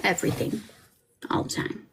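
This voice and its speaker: A woman's voice: moderate pace, noisy background. A woman in her forties chatting casually as a podcast host, rambling and self-deprecating. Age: 40s. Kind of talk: casual livestream chat over a trial feed.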